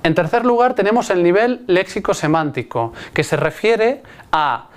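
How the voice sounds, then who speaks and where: A man's voice: high voice, animated, moderate pace, clean tone. A man lecturing on linguistics, explaining step by step with frequent restarts and rhetorical checks to his students.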